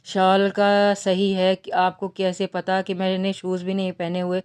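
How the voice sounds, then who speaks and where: A woman's voice: mid-range voice, completely flat delivery, a little mellow, clean tone, close to an everyday voice. A woman voicing a bashful young woman who answers hesitantly and evasively in an audiobook novel reading. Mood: shy.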